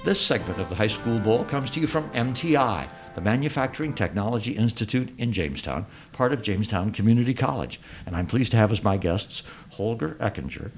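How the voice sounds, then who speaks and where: A man hosting a broadcast interview, asking his guests questions in a formal, courteous way. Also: on the low side. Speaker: radio interview host.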